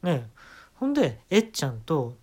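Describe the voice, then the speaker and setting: A man's voice: on the high side, sing-song, moderate pace, a little mellow, breathy edge. A man with a Kansai accent telling a comic story as a monologue, acting out sounds and quoted lines along the way. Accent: Kansai Japanese.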